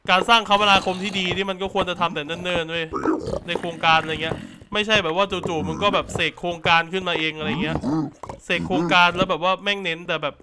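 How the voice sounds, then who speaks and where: A young man chatting casually with a friend while gaming, crude and excitable, swearing often. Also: high-pitched, quick pace, noisy background. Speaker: gamer streamer.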